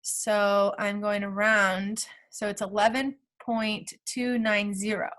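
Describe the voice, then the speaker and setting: Unhurried woman teaching a math lesson. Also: medium pitch, level tone, a bit bright. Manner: talks through steps aloud, checking in with okay. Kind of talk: screen-recorded math lesson.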